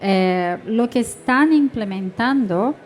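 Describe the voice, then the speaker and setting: A native Portuguese speaker with a Brazilian accent reads prepared panel remarks in her second language, carefully and haltingly. Her voice is fairly high-pitched and expressive.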